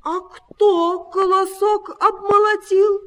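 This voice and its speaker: A woman's voice: very high-pitched, flat delivery, slow, fairly bright tone, long reverb tail, pitched above the performer's own voice, exaggerated voice. Woman doing a hardworking rooster, calling out. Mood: questioning. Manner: calling out, patient questioning. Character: hardworking patient male rooster.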